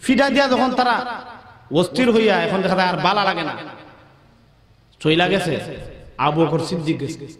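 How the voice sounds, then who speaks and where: A man's voice: high voice, normal speed, long pauses. A man with a Sylheti accent preaching an Islamic sermon in an impassioned, sing-song style and calling on the crowd to respond. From Habiganj, Bangladesh. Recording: echoey hall with crowd. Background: large crowd.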